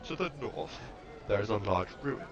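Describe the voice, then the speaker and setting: A man voicing an ancient, trembling, awed female servile creature in a game, reading her lines slowly and reverently. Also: lowish voice, lively intonation, crowd noise, close to an everyday voice. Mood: earnest. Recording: muffled lo-fi mic with background noise.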